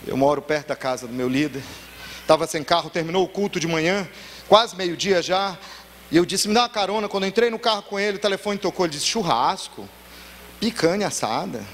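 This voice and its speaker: A man's voice: sits high, quick pace. A male pastor preaching in a church hall, telling a story and acting out the dialogue. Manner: animated, acts out dialogue. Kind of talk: sermon storytelling. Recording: echoey church hall, faint noise.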